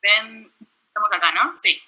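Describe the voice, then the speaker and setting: A young woman with a Buenos Aires accent, a documentary filmmaker giving an informal, self-deprecating talk over a video call, halting with many restarts. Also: mid-range voice, pushed and bright, husky, poor audio. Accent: Buenos Aires Spanish. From Buenos Aires, Argentina. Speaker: documentary filmmaker presenting her work.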